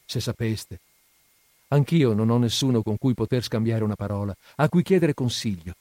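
A man's voice: medium pitch, moderate pace, dark tone, no room sound, close to an everyday voice. A man voicing an earnest, guarded young woman in an audiobook reading, speaking in a pleading, candid way.

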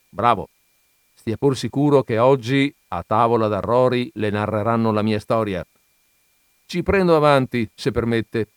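A man with a natural, mid-range voice reads an audiobook, voicing a fat, jovial, boastful man in his fifties who chattily confides his story. The sound is dry and close, with no echo.

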